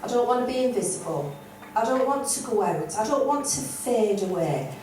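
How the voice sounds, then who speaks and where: An older woman with a broad Lancashire accent works the room with blunt, self-deprecating humour. Her voice sits a little high and carries from a distance. The club sounds very echoey, with a steady murmur of audience noise underneath. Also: moderate pace. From North West England. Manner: blunt, self-mocking, broad northern delivery. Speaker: stand-up comedian. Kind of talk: stand-up set. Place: comedy club stage.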